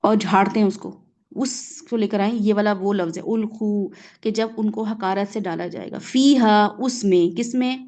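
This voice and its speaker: A woman with a Pakistani Urdu accent teaches a Quran reflection lesson, explaining word by word, mixing in English words and often checking in with her listeners. Her voice is medium-pitched with a darkish tone.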